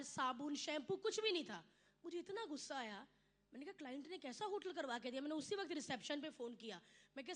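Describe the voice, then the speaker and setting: Stand-up comic, woman, high bright voice, teasing and chatty with the room. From India. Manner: chatty, teasing the audience, acts out her mother and others. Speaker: stand-up comedian. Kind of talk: live stand-up comedy.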